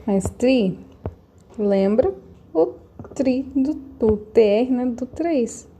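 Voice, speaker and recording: A woman's voice: fairly high pitch, animated, drawn-out words, mellow, slight background noise. A woman, a schoolteacher patiently explaining lessons step by step to children over a computer mic. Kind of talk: remote class instructions.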